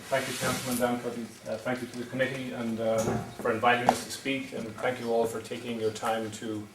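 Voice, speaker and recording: A middle-aged Irishman from County Wexford, a wind energy developer, gives a hesitant presentation at a town meeting, full of ums and restarts. His medium-pitched voice moves little in pitch and runs fairly quick. The recording is very noisy, captured from far off in an echoey hall.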